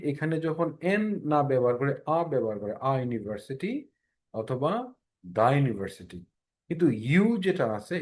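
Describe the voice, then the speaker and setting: A man's voice: mid-range voice, darkish tone. Man, Bengali accent, pronunciation teacher, online class, explaining patiently. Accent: Bangladeshi Bengali. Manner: explanatory, asks students checking questions.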